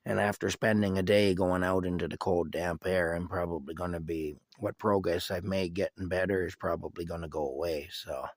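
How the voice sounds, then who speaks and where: A sick man with a cough, giving a casual, rambling video update from inside his camper, halting and restarting often. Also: deep voice, steady tone, no room sound. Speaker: vlogger giving a personal update.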